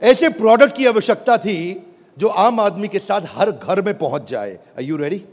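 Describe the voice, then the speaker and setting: A man giving an energetic motivational business speech to a live audience, rallying the crowd. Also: high voice, normal speed. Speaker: business speaker pitching an app. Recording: echoey hall with crowd noise.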